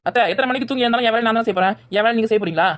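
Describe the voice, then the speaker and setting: A woman playing a defiant rapid-fire daughter-in-law. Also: on the high side, close to an everyday voice. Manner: argumentative, talks back fast. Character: defiant young daughter-in-law, sleepy and cheeky. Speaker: daughter-in-law in a family skit. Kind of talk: village family comedy skit.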